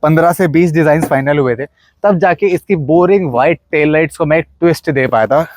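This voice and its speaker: A man's voice: fairly high pitch, brisk, darkish tone, no room sound. A young man with an Indian accent giving a casual, chatty walkaround of his modified car, pointing things out as he goes. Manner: chatty, mixes Hindi and English, points things out.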